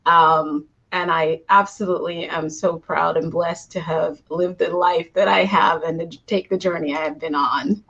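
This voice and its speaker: Animated Guyanese-born woman coach, lo-fi call. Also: lowish voice, normal speed, vocal fry, hardly any pauses. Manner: animated storytelling with laughs. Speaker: guest, coach and motivational speaker. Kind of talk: conversational interview answers.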